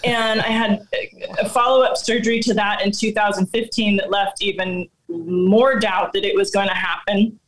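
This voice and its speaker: A woman's voice: medium pitch, steady tone, normal speed, low-quality recording. Laughing Midwestern woman telling a hunting story. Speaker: guest hunter. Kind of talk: casual storytelling chat.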